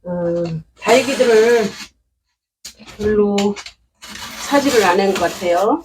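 A woman's voice: medium pitch, slow pace, recorded from a distance, noisy background. A woman unboxing succulent plants at home in a chatty, delighted way, exclaiming often. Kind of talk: casual unboxing commentary. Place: indoors at home.

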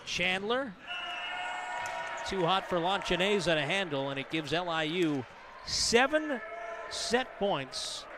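Brief: high-pitched male play-by-play caller, brisk, noisy arena feed with gym sounds behind. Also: lively intonation. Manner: brisk, rises to shouts on big plays. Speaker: play-by-play commentator. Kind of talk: live volleyball commentary. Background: gym ambience and ball bounces.

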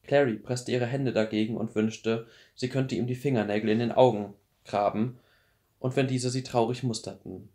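A man in his twenties calmly reading a novel aloud as a bedtime audiobook. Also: medium pitch, moderate pace. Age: 20s. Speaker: audiobook reader.

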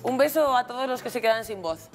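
A woman's voice: a little high, expressive, fast. A young woman with an accent from Spain, chatting casually as a co-host in a TV studio. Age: young adult. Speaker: TV show co-host. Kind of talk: casual chat. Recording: loud music behind.

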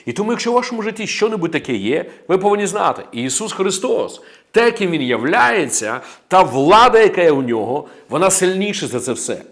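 A man delivers a sermon as pastor, his voice sitting a little high. He speaks emphatically and declares each point. He punctuates his lines with amens and praises. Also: big pitch swings, brisk, a bit bright.

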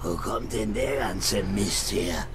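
A man's voice: on the low side, slow pace. An actor playing a drunk, queasy and crude male mobster in a dubbed video game, whining and blustering. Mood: nauseous. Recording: loud car noise under dialogue. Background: car engine and street noise.

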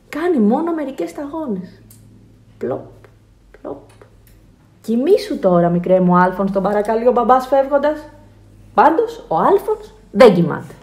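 A woman reading a children's picture book aloud with expressive storytelling. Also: a little high. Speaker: children's book reader and translator.

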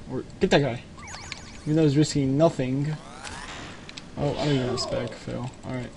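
A man's voice: mid-range voice, background noise. A young man leading a clan in an online game, giving short repeated commands and live commentary into a headset mic. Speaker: clan leader giving orders.

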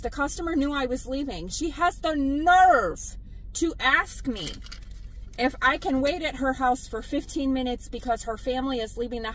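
A woman, a delivery driver vlogging from her car, blunt and animated as she tells her stories. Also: high voice, a little hiss or hum, rough recording. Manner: exasperated, blunt, animated storytelling. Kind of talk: casual vlog venting to viewers.

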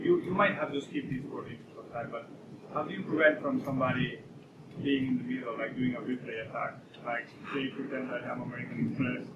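A man's voice: mid-range voice, reverberant. A man in the audience asking a probing technical question, repeating himself a little as he starts. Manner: quick, probing, slightly halting. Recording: distant, dull, noisy room audio.

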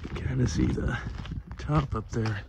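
A man's voice: mid-range voice, a little slow, gravelly. A man filming himself on an outdoor hiking trail, talking through the hike in an easygoing, rambling way full of filler words. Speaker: vlogger hiker. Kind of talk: casual hiking vlog commentary. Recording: noisy outdoor recording.

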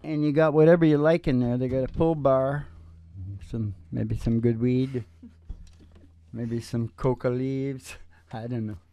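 Acoustic guitar picking plays live behind a man in his sixties, a musician hosting a show from a small indoor stage with a curtain through a close stand microphone. His mid-range voice is warm and fairly even in intonation, unhurried, and his folksy, meandering banter drifts off into asides.

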